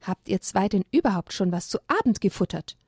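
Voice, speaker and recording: A woman voicing a caring mother donkey who gently scolds her young. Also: mid-range voice, animated, brisk, slightly rough, dry recording, studio quality. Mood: firm.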